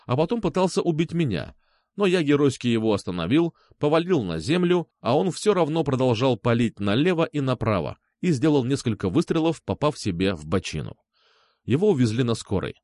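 A man narrating a first-person crime audiobook with a dramatic, expressive reading. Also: medium pitch, no echo.

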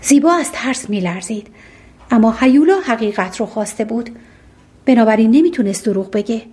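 A woman narrating a fairy tale audiobook in a calm, even storytelling manner. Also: a little high.

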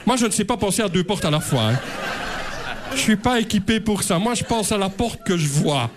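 A man's voice: high-pitched, animated, a little fast, noisy background. A middle-aged man telling a rambling, self-mocking comic story on stage. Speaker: comedian. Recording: live show with audience laughter.

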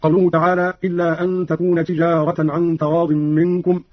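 Formal male radio presenter, high voice. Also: little pitch movement, no room sound. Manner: measured, formal, demonstrating readings. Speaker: radio presenter explaining readings. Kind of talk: scripted explanatory narration. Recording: dry, dull lo-fi radio recording.

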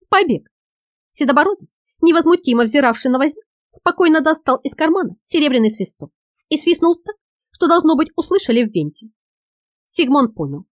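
A woman narrating an audiobook in a lively, expressive reading. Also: sits high, no room sound, clean studio sound.

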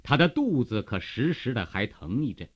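A man, reading a novel aloud as a radio storyteller, emphatic and dramatic, moving between hushed and loud declamation. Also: medium pitch, big pitch swings, moderate pace. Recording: slightly muffled radio broadcast.

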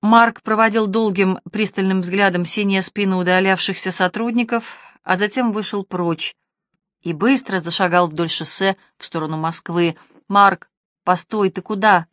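A woman reads the novel aloud as narrator, steady and measured, at a middle pitch. The sound is dry and close to the mic. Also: dry recording. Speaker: audiobook narrator. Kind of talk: scripted narration.

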